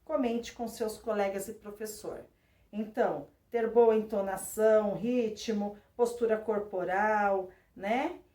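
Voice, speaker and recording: A woman's voice: mid-range voice, fairly even intonation, takes it slowly, dark tone. Woman teacher, roomy and distant. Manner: explains patiently, often checking in with tag questions. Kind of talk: remote class lesson reading from a textbook. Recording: roomy sound, voice away from the mic.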